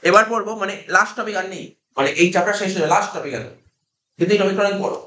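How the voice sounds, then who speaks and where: A man with a Kolkata Bengali accent teaches a class, his voice pitched high for a man. He keeps repeating key terms and firing questions back at the students. The room around him is echoey. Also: rapid-fire, fairly bright tone. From India. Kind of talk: classroom lecture.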